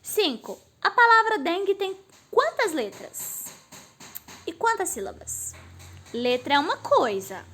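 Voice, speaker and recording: A woman's voice: very high-pitched, big pitch swings, slow pace, bright, forceful tone. A female teacher giving a recorded lesson, patiently explaining step by step and answering her own questions. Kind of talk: recorded remote class lesson.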